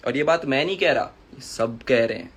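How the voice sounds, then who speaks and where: A man's voice: medium pitch, brisk, a bit bright, husky. A man in his twenties on a live stream, ranting in a combative, boastful and crude way, often switching into English phrases. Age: 20s. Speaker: content creator.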